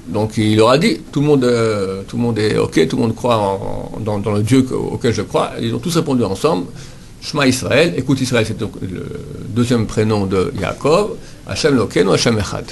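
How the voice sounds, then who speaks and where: A man's voice: mid-range voice, slight background noise. A man explains a prayer point by point, like a rabbi at his lesson. He goes through the words patiently and says the Hebrew terms again and again until they sound right. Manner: explains step by step, often repeats Hebrew words to correct pronunciation. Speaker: rabbi teaching. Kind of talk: religious lesson.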